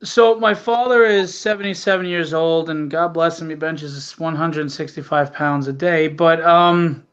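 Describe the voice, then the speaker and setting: Over dull, low-fidelity call audio, a male comic book writer and publisher appears as an interview guest, casually plugging and explaining his project. His account is earnest and candid, delivered smoothly at an unhurried pace with fairly even intonation, a fairly bright tone, and hardly any pauses.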